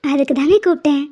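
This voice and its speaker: A woman voicing a playful, teasing pregnant young wife in an animated cartoon. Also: high-pitched, lo-fi sound. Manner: teasing, bossy, affectionate.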